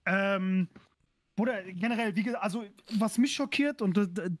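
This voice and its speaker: A man hosting a casual livestream talk, reacting with quick exclamations and telling his own story in halting restarts. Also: high voice. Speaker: livestream host. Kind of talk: casual chat.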